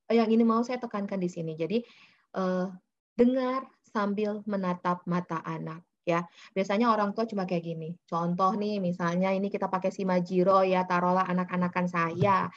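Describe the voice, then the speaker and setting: A woman's voice: mid-range voice, fairly even intonation, moderate pace, lo-fi sound. A woman presenting slides in a webinar, explaining things patiently with many fillers and acting out little examples. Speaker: webinar speaker on child communication.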